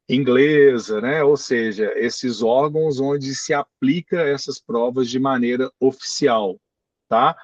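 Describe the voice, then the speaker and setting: A man's voice: mid-range voice, dry recording. A man, a professor explaining graduate admissions in an online session, often checking in with listeners. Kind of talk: online info session, answering questions. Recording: dull distant video-call audio.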